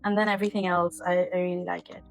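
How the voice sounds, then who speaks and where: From her home kitchen, a tarot channel host talks casually to camera in a creaky, fairly low voice, quick and flat in delivery. Her earnest, rambling chat grows emotional, with faint music behind and a rough recording.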